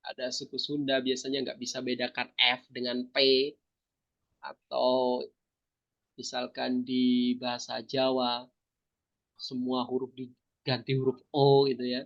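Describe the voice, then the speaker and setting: A man's voice: monotone, measured pace, vocal fry, long pauses, fairly bright tone, muffled recording. Man coaching speech, stresses words. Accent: Indonesian, East Javanese. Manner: demonstrative, shifts pitch and stress to model intonation. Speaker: public speaking trainer. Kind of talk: workshop lesson with participants.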